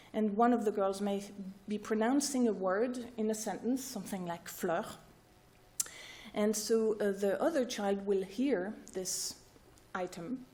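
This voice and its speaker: A woman researcher presents at an academic workshop, speaking to a room of listeners. Her voice is mellow and soft-edged, and her pitch sits in the middle. She lays out each idea step by step and often checks in with "right?" and "okay?". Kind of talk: academic conference talk. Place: lecture room with an audience.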